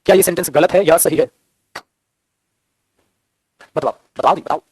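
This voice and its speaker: A man's voice: on the high side, quick pace, darkish tone, husky. A man teaching English grammar in a class lecture, teasing and scolding his students playfully with jokes and repeated drilling questions.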